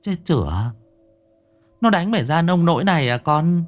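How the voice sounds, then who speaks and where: A man's voice: fairly high pitch, big pitch swings, a little slow, voice pushed up. Man doing an old village mother, fretful, stammering, raised voice, spoken ghost story. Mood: shocked. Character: elderly village mother, anxious and fussing.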